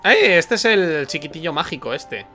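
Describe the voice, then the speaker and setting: A man's voice: on the high side, sing-song, moderate pace, pushed and bright, faint music behind. A man with an accent from Spain, a streamer joking and commenting playfully while he plays a video game. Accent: Spain Spanish. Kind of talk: casual gameplay commentary.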